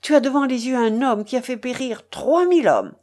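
A woman voicing a furious, thundering older male rear admiral in a storybook reading, booming and indignant. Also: expressive, moderate pace, darkish tone.

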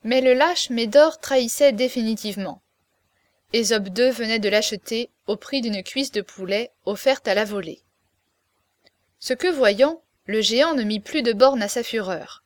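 A woman reads a classic novel aloud with lively, expressive storytelling. Her voice sits a little higher than most. The sound is dry and close, with no room echo. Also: unhurried. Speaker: narrator. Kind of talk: audiobook reading of a classic novel.

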